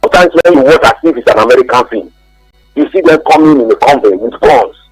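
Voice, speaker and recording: A man calling in to a radio show, speaking earnestly and haltingly. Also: mid-range voice, breathy edge, no room sound, faint music behind, low-quality recording. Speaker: caller. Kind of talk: call-in comment.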